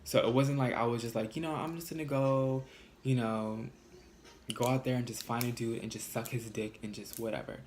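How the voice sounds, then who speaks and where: A man telling a dramatic personal story to the camera in a casual vlog. He swears a lot, and his voice leaps high whenever he acts out the arguments. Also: normal speed, a little hiss or hum. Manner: animated, profane, jumps high in pitch when quoting arguments. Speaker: vlogger.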